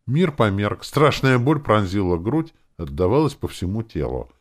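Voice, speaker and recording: Мужчина читает фэнтези-аудиокнигу от первого лица, драматично, то мрачно, то насмешливо. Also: male voice, lowish voice, very animated, normal speed. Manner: dramatic, swinging between grim and mocking. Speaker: audiobook narrator. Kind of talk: first-person audiobook narration.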